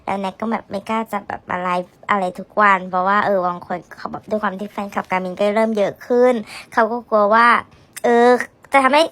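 A woman vlogger chatting casually to viewers, gossipy and blunt, with rough slang and frequent laughter. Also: medium pitch, fairly even intonation, quick pace, fairly bright tone. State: tired, red-eyed. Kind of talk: casual chat.

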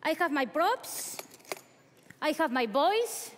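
A woman's voice: high-pitched, sing-song, takes it slowly. A woman in her thirties from Spain, speaking with a Spanish accent as a contestant at a stage audition. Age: 30s. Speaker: contestant, ventriloquist. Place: large theatre stage. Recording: noisy theatre stage.

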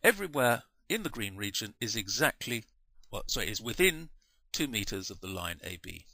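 A man talks through a maths lesson in a patient, measured way, pausing to correct his own slips. His voice is bright and clear. The sound is dry and close, with no room around it. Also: on the low side, very animated, no room sound. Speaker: maths teacher. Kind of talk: explaining a maths lesson over diagrams.

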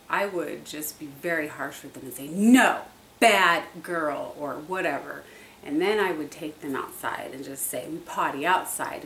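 A woman vlogger talking casually about training her dogs, chatty and repetitive with lots of fillers. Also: low voice. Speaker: dog owner vlogger. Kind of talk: casual how-to talk. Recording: echoey, distant from the mic, faint hiss.

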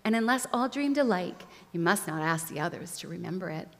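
A woman voicing a sweet-voiced scheming witch queen in a soft, soothing, quiet voice, recorded in a reverberant hall. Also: on the low side, animated, a little fast, gravelly.

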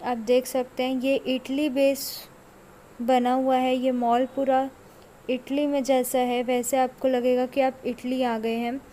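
High, flat-voiced young woman touring a mall. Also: unhurried, a little hiss or hum, rough recording. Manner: repetitive, pointing things out. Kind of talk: casual walking tour narration. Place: large indoor shopping mall.

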